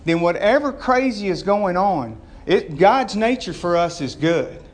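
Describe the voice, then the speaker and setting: A man's voice: high-pitched, animated, a little slow, soft background music. A man preaches. His sermon is informal and conversational, full of folksy turns of phrase. He often turns to the congregation with direct questions. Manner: folksy, addresses listeners as gang, boys and y'all; poses questions to the listeners.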